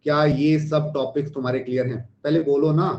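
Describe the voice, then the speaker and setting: A man's voice: fairly high pitch, flat delivery, a little fast, darkish tone. A man with an Indian accent teaching an online exam-prep class, firing rhetorical questions at students and slipping English phrases into his lecture. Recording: roomy, dull lo-fi sound.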